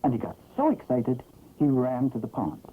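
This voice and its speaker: Highly animated vintage cartoon storyteller, tinny soundtrack. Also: normal speed, over loud music. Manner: expressive, theatrical. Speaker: storyteller narrator. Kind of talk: scripted children's storybook narration, vintage cartoon.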